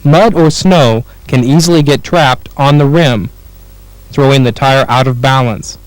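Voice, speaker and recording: A man with an American accent and a medium-pitched voice reads scripted instructional narration for a training film, clear and measured. There's no echo, but the audio quality is poor.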